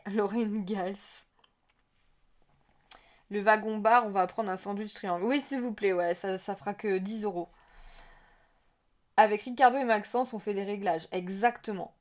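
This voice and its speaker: A streamer with a medium-pitched voice takes her time reacting to a game trailer, pausing often. In a casual, excitable and rambling way, she talks with her viewers and reads their messages aloud.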